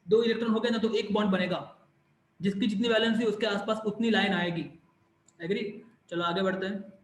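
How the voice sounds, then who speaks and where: High-voiced teacher quizzing his class. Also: steady tone, brisk, echoey room, low-quality recording. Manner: repeats questions and answers them himself, mixing in English. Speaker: chemistry teacher. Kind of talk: online class lecture. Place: online class from a room.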